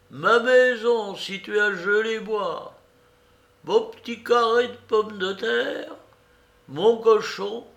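A dying old male beggar with a thin, failing, rattling voice, mocking everyone around him. He speaks high and slowly, with a gravelly catch, as a male reader puts him on. The sound carries an echoey room. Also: fairly bright tone, heavily acted. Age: older. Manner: mocking and imperious. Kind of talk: audiobook character reading.

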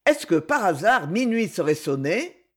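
A man's voice: high-pitched, big pitch swings, measured pace, full character voice. A man voicing a nonchalant, teasing young husband in a storybook reading, phlegmatic and mocking.

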